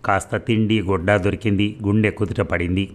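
A poor young mother in service pours out her hardships in an audiobook, pleading and near tears, as a man reads her part. The voice sits fairly low, close to the reader's own. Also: steady tone, brisk, natural voice. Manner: pleading, tearful storytelling. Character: poor grieving young mother, female servant.

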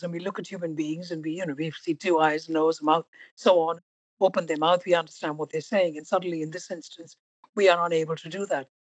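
A woman hosting an interview podcast, talking reflectively and stressing single words slowly for emphasis. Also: lowish voice, a little mellow, breathy edge, no echo, rough recording. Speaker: podcast host.

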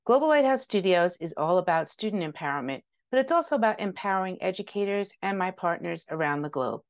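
A woman's voice: on the low side, lively intonation, fast talker. A woman in her forties, founder of a studio, giving an upbeat, grateful scripted introduction on a video call through wired earbuds. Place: home room with a virtual background.

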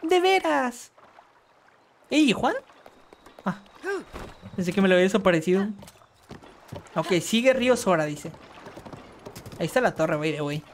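A woman with a Mexican accent streaming gameplay, talking in slangy, profane chatter and bursting into panicked yelling. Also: fairly low pitch, animated, moderate pace, pauses often, a little hiss or hum. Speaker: gaming streamer. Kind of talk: live gameplay commentary.

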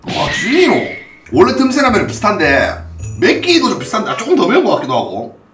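Young man, talking while chewing, lively swooping voice, roomy distant sound, music behind. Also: high-pitched, quick pace. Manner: chatty, mumbling asides to himself. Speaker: mukbang streamer. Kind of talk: casual mukbang chat.

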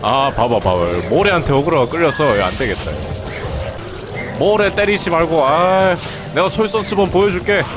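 A man talks through his game run in a loose, chatty way, his pitch jumping around as he jokes and scolds the characters. Faint game music plays underneath. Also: expressive, measured pace. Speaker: game streamer. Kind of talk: casual gameplay commentary.

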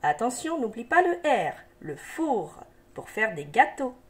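A woman's voice: on the high side, very animated, a little slow. A woman teacher guiding young children through a reading lesson, encouraging them and sounding out syllables patiently. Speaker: primary school teacher.

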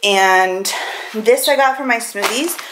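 Holding her camera at arm's length in her home kitchen, an American woman in her thirties rambles informally through a grocery haul vlog on its built-in mic. Her voice is on the high side and fairly bright, her pace slow, and the rough recording has slight background noise.

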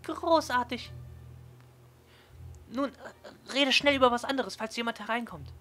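Man putting on a high, breathy, excitable young woman librarian. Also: normal speed, faint music behind. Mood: eager, hushed. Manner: breathy falsetto, often dropping to conspiratorial whispers. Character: excitable, secretive young female librarian, conspiratorial and eager.

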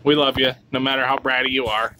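A man behind the camera films a family vlog on a handheld camera mic he holds himself, chatting casually while teasing and joking. He talks fast in a medium-pitched voice with little pitch movement, and the home video is noisy.

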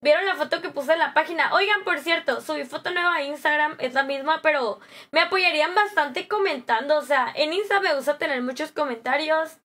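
A young Mexican woman streaming live, chatting with viewers in a bubbly, slangy way, her voice a little hoarse from a sore throat. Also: high voice, brisk, fairly bright tone. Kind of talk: live stream chat, greeting viewers and reading comments.

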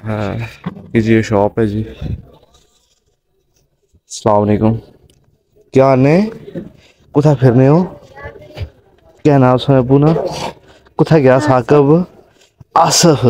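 A man's voice: medium pitch, slow, pauses often, darkish tone. A young man with a Pothwari Punjabi accent, vlogging casually as he walks a market and greets shopkeepers. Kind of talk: casual walking vlog chat. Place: busy outdoor bazaar. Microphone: handheld camera at arm's length. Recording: crowded street noise. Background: crowd chatter and street noise.

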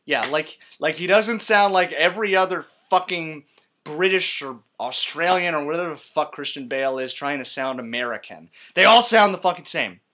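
A man's voice: a little high, expressive, moderate pace, pushed and bright. A young man giving a profane, scornful movie-review rant, shifting between mutters and outbursts. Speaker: vlogger.

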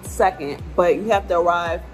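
A woman's voice: lowish voice, normal speed, low-quality recording. Young woman chatting casually, music behind. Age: young adult. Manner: informal, slangy, emphatic. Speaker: vlogger. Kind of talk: casual chat to camera. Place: indoor room at home or lodging, fan running.

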